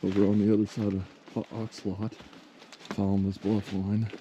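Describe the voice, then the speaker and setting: A man's voice: lowish voice, monotone, normal speed, dark tone, dull audio, slight background noise. A man narrating a hike outdoors in a forest in a laid-back, casual way, chuckling often. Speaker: hiking vlogger. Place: outdoors in a forest among boulders.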